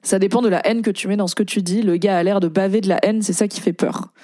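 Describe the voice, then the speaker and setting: A woman's voice: mid-range voice, fairly even intonation, quick pace, mellow, no echo, studio quality. A young French-speaking woman hosting a casual podcast, reading and commenting on posts in a chatty way with many fillers.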